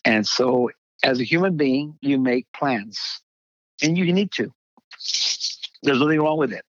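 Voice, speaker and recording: An older man, a pastor, telling a personal testimony in halting conversational speech, acting out the voices he quotes. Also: medium pitch, lively intonation, fairly bright tone, no echo, muffled recording. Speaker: pastor, guest.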